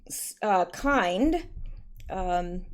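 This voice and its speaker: A woman's voice: lowish voice, lively intonation, drawn-out words. A woman hosting her own channel, casually reading out posts and commenting on them in a loose, conversational way with frequent ums and self-corrections. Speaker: channel host.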